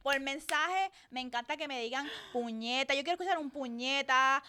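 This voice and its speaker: Bright high Puerto Rican woman. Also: moderate pace, no echo. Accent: Puerto Rican Spanish. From Puerto Rico. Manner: candid, laughing, tipsy storytelling. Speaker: podcast co-host. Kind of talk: casual chat.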